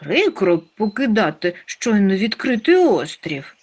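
A woman's voice: mid-range voice, sing-song, measured pace, slightly rough, voice pushed up. A woman voicing a young, friendly male storybook creature with a cheerful, boastful manner. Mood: hopeful.

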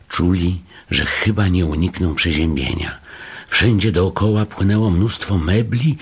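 Brief: storybook narrator, man, expressive, gravelly low voice, breathy tone. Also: no echo. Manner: expressive, changes voice for each figure. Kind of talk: storybook reading aloud.

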